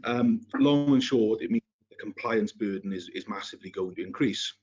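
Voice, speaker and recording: Presenting in a business webinar, a Welsh-accented man speaks at a moderate pace in a very low, slightly husky voice with a darkish tone. He's hesitant, often pausing to fill gaps with ums and restarting sentences. The audio sounds muffled, as if coming through a video call.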